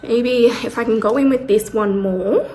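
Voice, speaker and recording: At a measured pace, an Australian woman in her bedroom gives a casual vlog to camera, her voice on the high side and darkish. She's chatty, says um a lot, and is slightly out of breath from pain. The sound is reverberant, with a little background noise.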